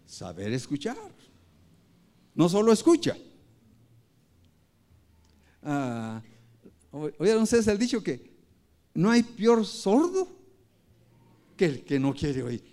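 A man delivers a sermon, his slightly high voice swinging widely in pitch and loudness for emphasis. He speaks directly to the congregation, calling them brothers and parents. Scripture quotes come out with rising force. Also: huge pitch swings, slow, long pauses. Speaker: preacher.

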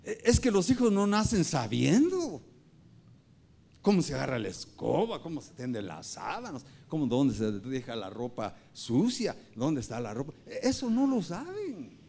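A man delivers a sermon, his slightly high voice swinging widely in pitch and loudness for emphasis. He speaks directly to the congregation, calling them brothers and parents. Scripture quotes come out with rising force. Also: huge pitch swings, moderate pace, creaky. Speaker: preacher.

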